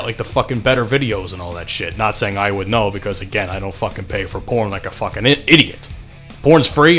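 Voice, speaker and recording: A man's voice: mid-range voice, sharp tone. A young man ranting casually over gameplay, rambling, sarcastic and full of swearing. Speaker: gaming channel host.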